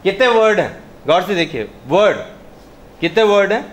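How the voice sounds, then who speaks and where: A high-pitched male trainer leads a workshop, hammering key words and firing questions at the room. He is heard from a distance in a reverberant hall, with faint noise in the background. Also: lively intonation, moderate pace. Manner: emphatic, quizzes the audience, mixes in English. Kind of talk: interactive workshop teaching. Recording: echoey room, far from the mic, faint noise.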